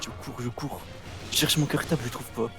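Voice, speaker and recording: Young man, casual streamer storytelling, stumbling restarts and acted-out voices, game music clearly behind him. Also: mid-range voice, fairly even intonation, brisk.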